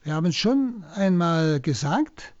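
A man, a priest, slowly and deliberately explaining a Bible passage on a radio broadcast. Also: on the high side, sing-song, dry recording, muffled recording. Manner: slow, deliberate teaching. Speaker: priest giving a Bible talk.

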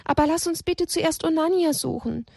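Woman reading a young loyal friend, earnest and determined, higher voice. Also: normal speed, vocal fry, a little mellow, no room sound, studio quality. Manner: earnest, coaxing.

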